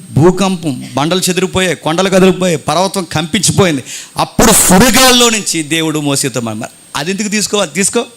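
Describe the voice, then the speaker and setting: A middle-aged male preacher delivering a sermon, firing off rhetorical questions with sarcastic, mocking asides. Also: on the high side. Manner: emphatic, rapid rhetorical questions.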